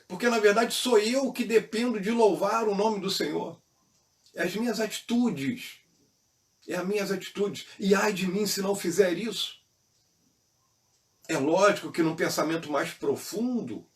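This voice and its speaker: A man's voice: sits high, recorded from a distance. A man with a Brazilian Portuguese accent teaching a Sunday school Bible lesson in church, earnest, repeating key phrases.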